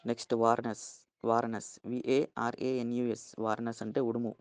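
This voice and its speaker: A man's voice: mid-range voice, little pitch movement, moderate pace, clear, resonant tone, dry recording. A man with a Telugu accent teaching a vocabulary lesson, spelling words out letter by letter and checking in with "okay?" after each one.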